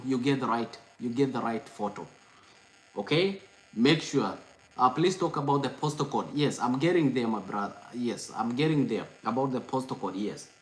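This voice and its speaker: A man's voice: mid-range voice, reverberant, poor audio. A man hosting a live stream, explaining steps and reading out viewers' comments, repeating himself to reassure them. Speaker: host answering viewers.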